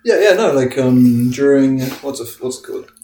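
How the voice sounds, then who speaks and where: A man's voice: mid-range voice, animated, normal speed, mellow. Rambling man in an echoey room. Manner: rambling, laughs often, many fillers. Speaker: podcast co-host. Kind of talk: casual chat. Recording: echoey room, faint noise.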